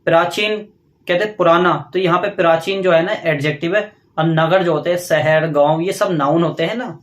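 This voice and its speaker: A man teaching a grammar lesson, explaining step by step and dictating slowly while he writes on a board, often asking questions and answering them himself. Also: on the high side, steady tone, echoey room. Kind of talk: classroom grammar lecture.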